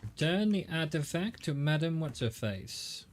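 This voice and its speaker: A man's voice: a little high, sing-song, a little slow. A man gives casual gameplay commentary in a wry, sweary way, talking back to the game. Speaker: gamer commentating on own play.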